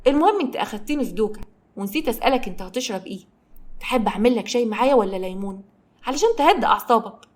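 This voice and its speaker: Brief: woman voicing smug Egyptian villain, taunting, fast, storybook. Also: fairly high pitch, expressive. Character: cold, smug scheming man.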